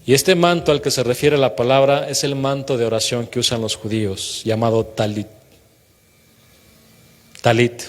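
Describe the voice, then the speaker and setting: Preacher in a reverberant church. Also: male voice, brisk, few pauses. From Mexico. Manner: dramatic retelling of scripture, rising emphatic pitch on key phrases. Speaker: pastor. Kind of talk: sermon. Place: church hall. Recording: long reverb of a church hall.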